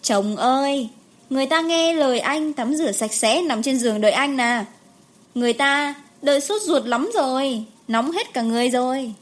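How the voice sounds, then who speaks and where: A woman voicing a sulky, quick-tempered young mother in an audiobook, with a sharp, irritable way of talking. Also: sits high, natural voice. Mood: coy.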